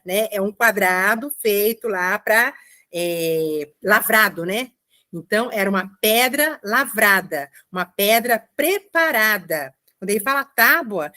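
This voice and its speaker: A woman giving a commented Bible reading, explaining slowly with frequent checking asides. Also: mid-range voice, fairly bright tone. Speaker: Bible teacher.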